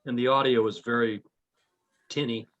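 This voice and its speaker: A man giving frank, plain-spoken feedback on a video call, his voice coming through with a low sample rate. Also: fairly even intonation, moderate pace, a bit bright. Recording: dull low-fidelity video call audio, faint music.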